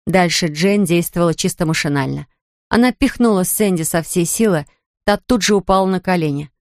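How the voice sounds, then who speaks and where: Woman narrator, audiobook, steady, measured, low voice, dry sound. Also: dry recording.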